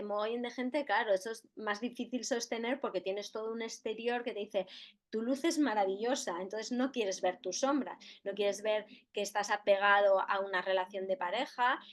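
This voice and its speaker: A woman from co-hosting a podcast, talking reflectively in a rambling way with many fillers and tag questions. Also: mid-range voice. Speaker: podcast co-host. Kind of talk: reflective casual conversation.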